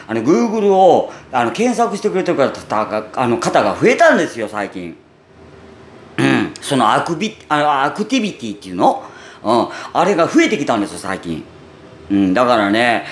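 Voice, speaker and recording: A man with a gravelly voice and a Kansai Japanese accent, chatting casually and unaffectedly to listeners as a radio host. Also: medium pitch. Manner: natural unaffected delivery, chatty, with frequent sentence-final "ne". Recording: roomy echo, faint background noise.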